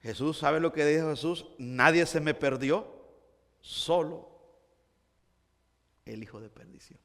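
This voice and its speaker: A man preaching a sermon as pastor, moving between hushed storytelling and rising emphatic passages. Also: fairly high pitch, a little slow, long reverb tail. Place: church sanctuary.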